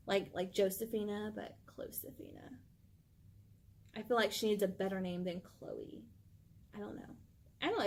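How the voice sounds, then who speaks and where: A woman's voice: mid-range voice, a little mellow. Gushing woman chatting about her dog. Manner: gushing, chatty, full of "like" fillers. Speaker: channel co-host. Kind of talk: casual chat about pets.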